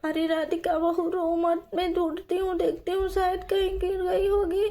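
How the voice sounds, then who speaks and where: A woman's voice: very high-pitched, flat delivery, moderate pace, dark tone. Woman doing a stern old mother-in-law. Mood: soothing.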